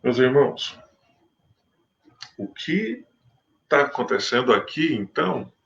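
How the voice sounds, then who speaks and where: A man's voice: medium pitch, big pitch swings, slow pace, vocal fry. A man leading a livestreamed Spiritist talk. He reads a passage, then explains it in a loose, chatty way with plenty of fillers. The audio is muffled and lo-fi. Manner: conversational, many fillers and restarts. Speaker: Spiritist lecturer. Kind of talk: scripture reading with casual commentary.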